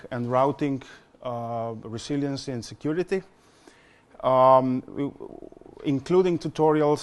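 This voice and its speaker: A Slovenian man in his forties gives a conference presentation in English, a non-native speaker with a Slovenian accent. His medium-pitched voice has a clean tone, and his talk is full of fillers and repeated words.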